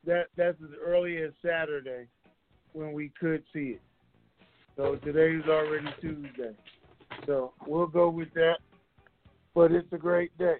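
A man's voice: on the high side, fairly even intonation, a little slow, long pauses, soft background music. A man talking in a rambling, offhand way as a regular guest, heard over a conference phone line. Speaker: regular guest on a call-in show. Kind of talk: casual phone call talk. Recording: tinny dry phone line.

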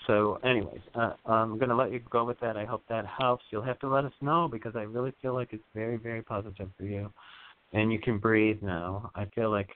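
A man hosting a radio psychic reading, guiding a caller through breathing in a soothing, halting way with many fillers. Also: lowish voice, fairly even intonation. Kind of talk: spiritual energy reading on air. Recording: phone-like narrow sound.

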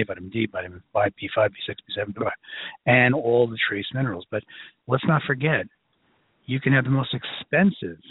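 A male health educator and lecturer from Brooklyn, New York, gives an informal class lecture in his Brooklyn accent, emphatic, folksy and conversational, checking in with listeners often. His voice is rough-edged and on the low side. The recording is dry and confined to a narrow phone band.

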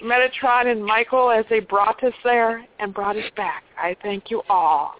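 A woman's voice: fairly high pitch, normal speed. A woman from Wisconsin calling in to a radio show over the phone, fervently stating a spiritual intention. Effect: phoned in over a tinny phone line. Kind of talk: earnest spiritual call-in statement. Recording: tinny dry phone line.

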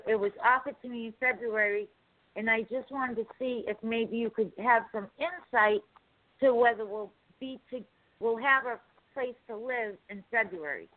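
A woman caller on a muffled, distant phone line, talking quietly and hesitantly. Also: on the high side. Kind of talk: call-in chat.

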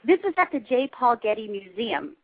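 A woman's voice: fairly high pitch, very animated, normal speed, breathy edge, no room sound. A woman from Southern California in her forties, a guest life coach chatting on a radio interview. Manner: chatty, laughing, explaining. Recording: phone line.

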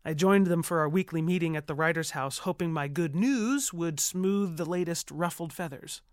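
A woman's voice: lowish voice, normal speed, no room sound, natural voice. Brief: actress as a motherly TV producer, upbeat and coaxing, dry close studio sound. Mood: reflective. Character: earnest woman producer, motherly to her writers. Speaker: producer and narrator. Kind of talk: audio drama acting with narration.

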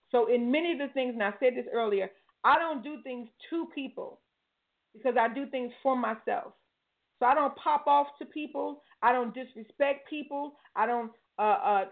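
A woman's voice: on the high side, vocal fry. An older woman hosting a talk show, giving preachy, folksy motivational advice and repeating her key phrases. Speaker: talk show host and life coach. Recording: tinny phone-like line.

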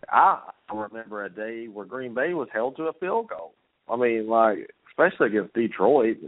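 A man's voice: lowish voice, no room sound. A man hosting a sports talk show, fired up and rambling as he jumps from game to game. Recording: tinny phone-like line, dry.

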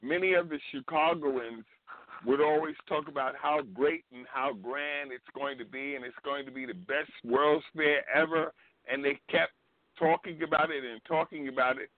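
A man's voice: fairly high pitch, steady tone, normal speed, no room sound, narrow, tinny audio. A man chatting and explaining casually as a show panelist, repeating phrases for emphasis. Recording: band-limited line with clear noise.

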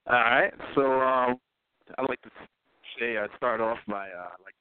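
A man from the New York area calling in over the phone to a sports talk show, chatting in an upbeat, animated way as a speed coach. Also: medium pitch, a little slow, clean tone, dry recording. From New York area, Long Island. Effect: heard over the phone. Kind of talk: casual call-in chat. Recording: tinny, dry phone line.

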